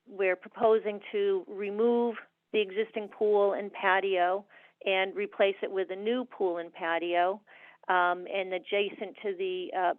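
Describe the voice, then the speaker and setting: Woman, speakerphone, narrow phone-line sound, flat even delivery, formal presentation, frequent ums. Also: medium pitch, no room sound. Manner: steady, with frequent ums and uhs. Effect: heard over a speakerphone. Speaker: consultant presenting a permit application. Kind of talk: formal presentation at a public meeting. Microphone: speakerphone on a remote call. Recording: tinny, dry phone line.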